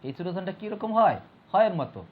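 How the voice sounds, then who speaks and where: A man's voice: high voice, expressive, fast. A male teacher giving a step-by-step grammar lesson, repeating rules and putting questions to his students. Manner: explains step by step, repeats points and asks the class questions. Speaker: school teacher. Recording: dull lo-fi recording with faint mains hum.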